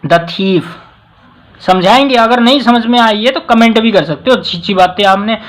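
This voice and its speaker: A man's voice: high-pitched, normal speed. A man teaching English grammar in a casual classroom way, mixing Hindi with English and hitting key words hard, often addressing listeners with a polite "ji". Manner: stresses words loudly, mixes Hindi with English.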